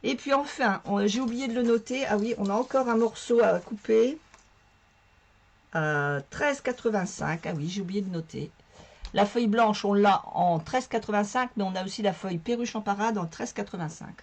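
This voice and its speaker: This craft tutorial host has a mid-range voice, but a sore throat leaves it hoarse and strained. Speaking at a moderate pace with a northern French background, she chats to viewers about her card-making as she goes and makes fun of herself along the way.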